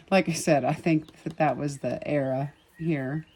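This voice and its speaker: A sketch artist and empathic reader chatting casually outdoors on a spring evening, musing about a drawing with many ums and soft chuckles. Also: medium pitch, husky.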